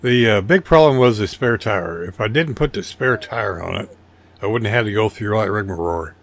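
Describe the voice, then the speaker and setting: Folksy older man, lowish voice. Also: lively intonation, fairly quick, vocal fry. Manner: rambling, folksy, self-deprecating. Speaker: model car builder. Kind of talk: casual narration over build photos.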